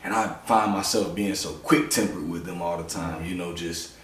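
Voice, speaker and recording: A man's voice: sits low, normal speed, fairly bright tone. A man hosting a podcast, talking in a loose, reflective way with lots of "you know". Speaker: podcast host. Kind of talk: casual conversational interview. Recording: roomy sound from a distant mic.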